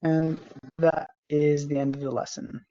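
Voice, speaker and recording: Cadet flight sergeant, online lesson, flat delivery, muffled call audio. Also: medium pitch, a little slow. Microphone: video call.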